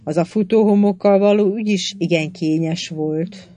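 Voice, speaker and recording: A calm, dry-witted English adventurer, as a woman reader voices him in an audiobook. He speaks slowly, stressing every word, in a lowish, unhurried tone. Each line comes across as deliberate and cool. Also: dry recording, lightly acted. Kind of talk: audiobook reading.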